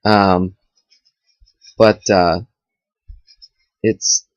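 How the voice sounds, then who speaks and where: A young man rambles in a chatty, casual way, full of fillers and restarts, his voice sitting a bit low. The sound is dull and lo-fi, as if from a built-in webcam mic, with a dry, close feel. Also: fairly even intonation, very slow, clear, resonant tone, no room sound. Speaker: vlogger. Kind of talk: casual motivational talk to camera. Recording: dull lo-fi home webcam audio.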